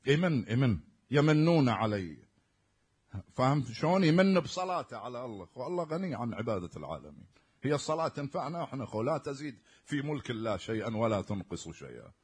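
A man's voice: mid-range voice, sing-song, fast, husky. A man preaching a sermon in an Iraqi Arabic accent, stressing words hard and then dropping almost to a murmur. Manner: emphatic, swinging from loud stresses to near-murmurs.

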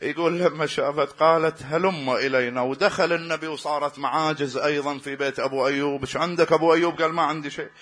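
A male preacher delivers a fervent sermon, his somewhat high, sharp and forceful voice rising into cries and repeating phrases rhythmically. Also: steady tone, fast talker, hardly any pauses. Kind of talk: impassioned religious sermon with storytelling.

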